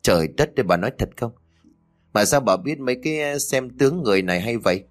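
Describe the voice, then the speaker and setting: A man's voice: mid-range voice, expressive, fast, faint music behind, lightly acted. A man doing an anxious old mother. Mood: surprised. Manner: anxious, pleading. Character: worried older village mother.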